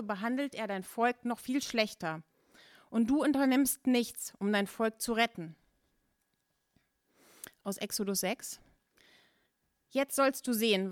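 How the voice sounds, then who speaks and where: A woman with a fairly high voice reads scripture aloud. She moves through the text in short, measured phrases. The sound is dry and close, with no room echo. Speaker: scripture reader.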